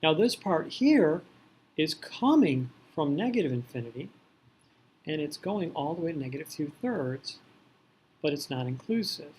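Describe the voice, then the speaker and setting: A man's voice: on the high side, big pitch swings, normal speed, darkish tone, husky. A man teaching an algebra lesson on video, joking and teasing his students as he works through problems. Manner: playful, joking, teasing the class. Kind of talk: recorded video math lesson.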